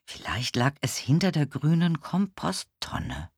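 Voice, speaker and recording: A children's audiobook narrator who reads slowly, with a lively, sing-song rise and fall, speaking as a young boy detective. The recording is dry and close, with nothing heard behind the voice. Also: mid-range voice, husky, no room sound. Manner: slow, lively storytelling as a seven-year-old boy detective.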